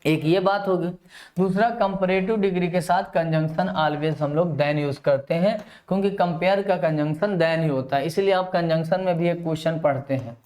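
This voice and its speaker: A man's voice: fairly high pitch, normal speed, darkish tone. A man teaching an English grammar lesson in a Hindi-accented classroom style, often repeating key words back as questions to his students. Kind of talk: classroom lecture.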